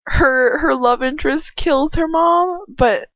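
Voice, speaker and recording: A woman with a high, fairly bright voice speaks slowly and casually about a story, rambling and blunt, sarcastic and exasperated, swearing freely. She's an amateur fan fiction reader and commentator. The lo-fi home recording sounds dry and dull, with no echo.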